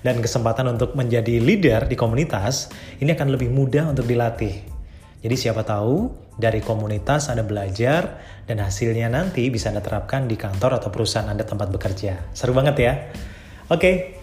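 A man's voice: mid-range voice, fairly quick, darkish tone, soft background music. A man hosting a podcast, talking to listeners in a chatty, upbeat way with fillers and rhetorical asides. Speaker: podcast host. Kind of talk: casual podcast talk.

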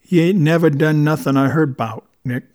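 A beat-up street-wise private eye in a detective audiobook, as a male narrator puts him on, his words thick and muffled as if through a mouthful. He sounds a touch higher and louder than the narrator. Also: moderate pace, lightly acted. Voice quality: muffled, mumbling as if mouth full.

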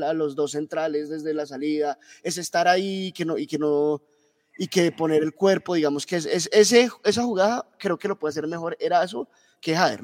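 Halting man analysing football. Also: fairly high pitch, a little mellow, big-room sound. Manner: halting, repeats words. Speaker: football pundit.

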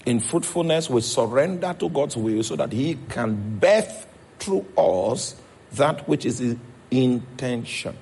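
A man's voice: medium pitch, animated, slow pace, darkish tone, slight background noise. A man with a Nigerian accent preaching a sermon as pastor, checking in with his congregation as he goes.

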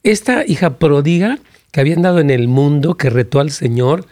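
Mellow-voiced pastor host. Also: male voice, a little high, fairly quick, no room sound, studio quality. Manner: supportive interjections, preachy asides. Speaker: pastor hosting the interview.

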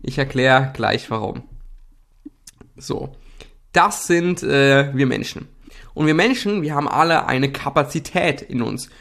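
A man's voice: mid-range voice, expressive, unhurried, creaky, long pauses, a bit bright. A young man hosting a self-help video, explaining casually while he draws, with slang and many fillers. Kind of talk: casual explanatory talk while drawing slides.

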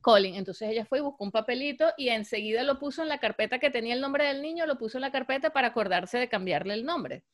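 A woman in her thirties chatting casually, telling lively stories about her children and acting out their voices, with English words mixed in. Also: sits high, fast talker, hardly any pauses. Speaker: podcast co-host. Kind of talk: casual chat.

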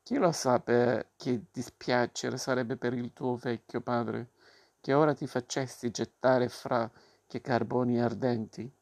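A man reading aloud and voicing a gruff, rasping male puppet master who blusters and barks orders while sneezing. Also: medium pitch, fairly even intonation, slow, a little mellow. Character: gruff bearded male puppet master, bluff but soft-hearted. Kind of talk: audiobook reading.

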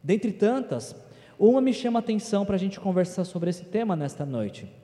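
A man with a high yet mellow voice delivers an animated sermon, slipping into the voices of the people he quotes. His words carry a long reverb from a large church hall. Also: normal speed. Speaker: preacher.

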